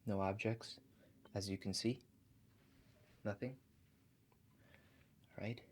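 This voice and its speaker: Playing a male relaxation agent making a house call, a man with a low, slightly rough voice guides breathing in soft-spoken ASMR. Calm and attentive, he explains slowly and gently, giving reassuring instructions and often checking in.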